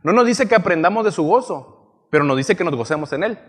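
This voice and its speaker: A male preacher teaching a sermon, often pausing to ask his listeners "yes?" as he checks they follow. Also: high-pitched, lively intonation. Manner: teaching, asks frequent "¿sí?" checks. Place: church hall. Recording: long church hall reverb.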